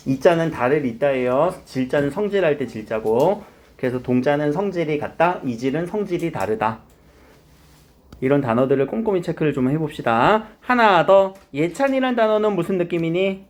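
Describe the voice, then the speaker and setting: A man's voice: a little high, moderate pace. A middle-aged man teaching literature to a classroom of students, explaining terms and quizzing them as he goes. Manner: lively, questioning the students often. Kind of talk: classroom lecture.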